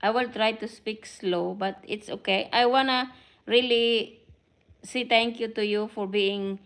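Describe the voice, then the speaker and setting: Here a middle-aged woman from the Philippines, livestreaming as a vlogger, greets viewers by name and slips between English and Filipino with a Filipino accent. She says she speaks quickly. Her fairly high voice is a bit bright with fairly even intonation.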